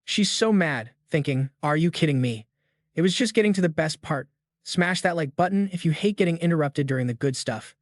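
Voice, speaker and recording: A man's voice: a little high, animated, brisk, dry recording, studio quality. A man narrating a comic story recap in a slangy, jokey scripted manner.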